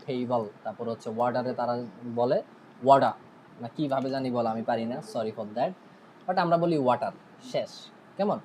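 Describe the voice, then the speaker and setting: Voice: mid-range voice, moderate pace, darkish tone, a little hiss or hum, low-quality recording. An IELTS teacher from Bangladesh with a Bangladeshi Bengali accent, giving a casual online lesson in a chatty way, often checking in with listeners, stopping to correct itself and mixing English terms into the explanations.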